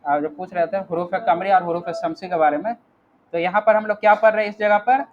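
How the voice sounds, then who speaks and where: A man's voice: sits high, steady tone, brisk, muffled recording. A man teaching an Arabic grammar class online, patiently walking students through each word and often checking whether they follow.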